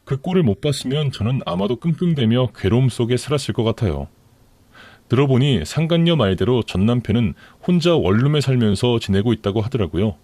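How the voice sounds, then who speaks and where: A man narrating a dramatic true-life story for radio, calm and matter-of-fact. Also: mid-range voice, no echo.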